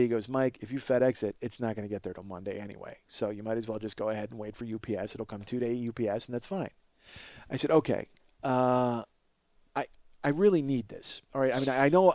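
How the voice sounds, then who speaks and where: Here a man in his forties, the host of a comedy podcast, rambles through a self-deprecating tale with profanity, acting out both sides of the conversations. His voice is medium-pitched and mellow, with no room sound.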